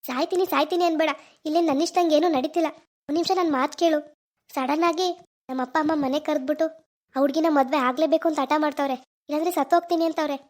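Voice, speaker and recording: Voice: sits high, fairly even intonation, quick pace, natural voice. A voice actor playing a young man in a cartoon, anxiously pleading with his girlfriend. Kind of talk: cartoon voice acting.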